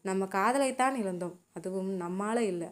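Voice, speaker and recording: A tearful young woman, gently resolute, speaks in a soft, emotional tone, as a woman storyteller voices her. Her voice sits a little above the narrator's usual register, in a storybook reading. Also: medium pitch, normal speed, lightly acted. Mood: tender, tearful.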